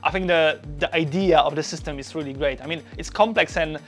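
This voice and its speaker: A man's voice: on the high side, fairly quick, soft background music. A man speaking enthusiastically in an interview and repeating "I think". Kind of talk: interview talk.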